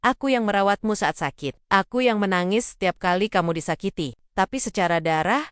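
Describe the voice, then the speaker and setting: A woman's voice: mid-range voice, animated, fairly quick, clean tone, no room sound, clean studio sound, lightly acted. A woman voicing a trembling, tender poor mother. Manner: soft and trembling.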